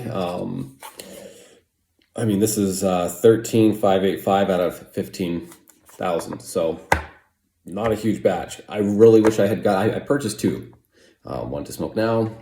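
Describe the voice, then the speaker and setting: An American man with a low, mellow voice reviews pipe tobacco casually, rambling and hesitating as he circles back to qualify what he's said. The recording has a roomy echo and faint background noise.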